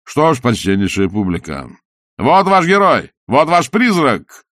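A man's voice: mid-range voice, wildly swooping pitch, a little slow, a bit bright, dry recording, studio quality, pitched above the performer's own voice. A man voicing a scheming, mocking male opera villain who speaks in a sneering, theatrical, taunting way. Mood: gloating.

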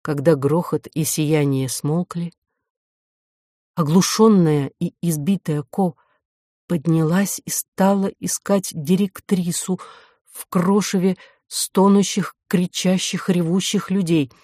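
A woman reading an audiobook aloud in a steady, measured narration. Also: fairly low pitch, no room sound, clean studio sound. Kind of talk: scripted narration.

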